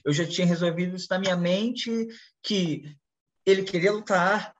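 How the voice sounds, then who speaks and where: A man's voice: sits high, muffled recording. A man from Brazil, a fighter, telling his stories in a casual interview and acting out what people said. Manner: fast, animated storytelling with acted-out quotes. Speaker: guest, MMA fighter.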